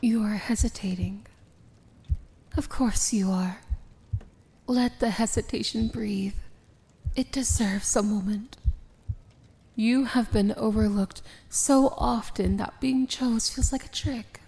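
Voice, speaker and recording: In this romantic ASMR-style roleplay, a woman plays a mighty dark fantasy princess whose voice sits on the high side, mellow and creaky, with a steady tone and a very slow pace. Tender, earnest and solemn, she uses formal, poetic phrasing that frequently sinks to a whisper, though the recording quality is low.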